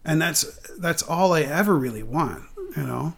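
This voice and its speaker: A man in his forties speaking in a somewhat high register for a man. He rambles and restarts his sentences often, swearing casually as he talks things through on a podcast. The tone is open and unguarded. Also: animated, normal speed, creaky, fairly bright tone, breathy edge. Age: 40s. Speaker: guest.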